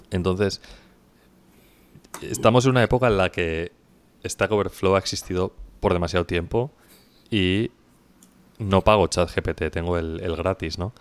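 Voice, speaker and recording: A man in his thirties with an accent from Spain, chatting casually as a podcast co-host in a hoarse, gravelly voice. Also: sits low. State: hoarse from coughing. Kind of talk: casual chat.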